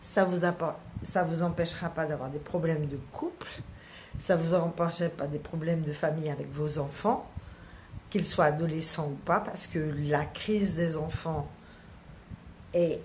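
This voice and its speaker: A woman's voice: deep voice, a little mellow. A middle-aged woman from French Guiana, a wellness practitioner talking casually to viewers, rambling with many hesitations and repeated words. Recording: faint background noise.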